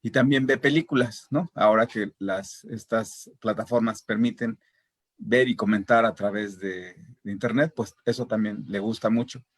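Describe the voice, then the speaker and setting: A man's voice: lowish voice, normal speed, breathy edge, no room sound. A man speaking as a parent on a casual discussion panel, talking hesitantly with many fillers and tag questions as he works through numbered points. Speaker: parent guest.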